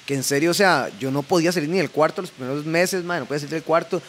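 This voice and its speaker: A young Costa Rican man with a Costa Rican accent, a podcast guest telling animated stories full of filler words and sound effects. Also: a little high, fast talker, a little hiss or hum. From Costa Rica. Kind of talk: casual chat.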